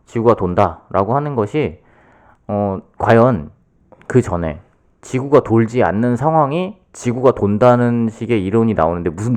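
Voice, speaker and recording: A man co-hosting a podcast, talking quietly and explaining a book at length in casual chat, with many fillers. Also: lowish voice. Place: podcast studio.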